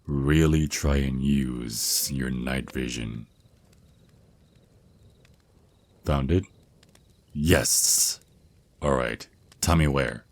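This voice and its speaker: In an ASMR roleplay, a man with a rumbling low voice performs a full character as a vampire naga who is both mentor and boyfriend. He speaks soothingly and affectionately, in a tender, reassuring, gentle and encouraging mood.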